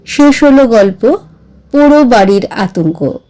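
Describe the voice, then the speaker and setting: High-voiced, unhurried woman storyteller. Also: expressive, dark tone, rough recording. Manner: slow, deliberate storytelling. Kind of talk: reading a ghost story aloud.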